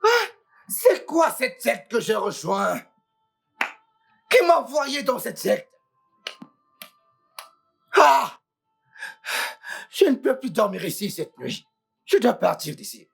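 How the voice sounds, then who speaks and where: A woman's voice: on the high side, very animated, slow, vocal fry, pauses often, husky, faint music behind, full character voice. A woman dubbing a panicked young husband in a French film dub, groaning, pleading and exasperated. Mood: despairing.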